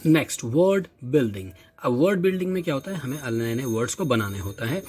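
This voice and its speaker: A man with an Indian accent explaining an English lesson in Hindi, reading English lines slowly and then explaining each one. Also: mid-range voice, big pitch swings, a little mellow, slightly rough. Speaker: teacher.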